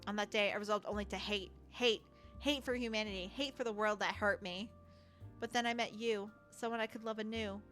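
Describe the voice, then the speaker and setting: A woman's voice: medium pitch, steady tone, fairly bright tone, soft background music, natural voice. Woman voicing a heartbroken robot villain. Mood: remorseful. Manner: halting, formal, mournful. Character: heartbroken self-aware robot villain, genderless.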